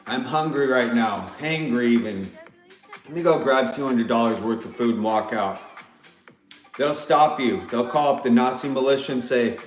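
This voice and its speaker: A man's voice: medium pitch, normal speed, faint music behind. Profane rambling man ranting in an echoey room. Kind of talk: rambling rant to camera.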